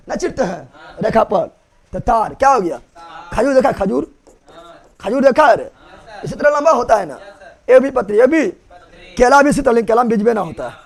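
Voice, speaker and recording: A male teacher fires quick questions at his students and keeps repeating the key terms. His voice sits high for a man and has a gravelly edge. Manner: rapid-fire quizzing, repeating key terms. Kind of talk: classroom-style online lesson.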